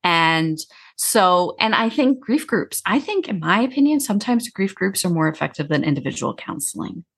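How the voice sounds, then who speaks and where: Low-voiced woman grief counselor. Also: very animated, moderate pace, gravelly, husky. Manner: chatty, explains in long run-on sentences. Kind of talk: casual interview talk.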